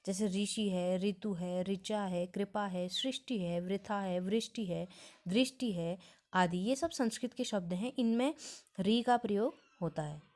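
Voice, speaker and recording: A woman's voice: medium pitch, measured pace, darkish tone. A woman teaching a grammar lesson step by step, often checking that her students are following.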